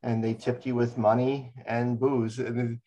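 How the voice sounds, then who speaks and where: A man's voice: mid-range voice, level tone, unhurried, mellow, lo-fi sound. An older man telling stories in an oral history interview, rambling with many restarts. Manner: rambling storyteller, frequent restarts.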